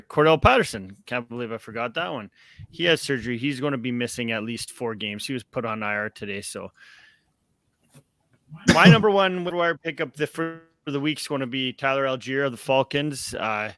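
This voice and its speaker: Young man, bright voice, dry close sound, casual rambling podcast host. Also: mid-range voice, clean tone, no room sound. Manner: upbeat, rambling, lots of fillers. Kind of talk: casual sports podcast chat.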